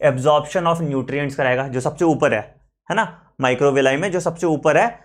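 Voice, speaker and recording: A man with an Indian accent giving an online biology lecture for exam preparation, switching between Hindi and English terms and often checking in with his students. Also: fairly high pitch. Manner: mixes Hindi with English terms, repeats key phrases, frequent "ठीक है" check-ins; slows right down to spell out technical terms. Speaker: biology teacher.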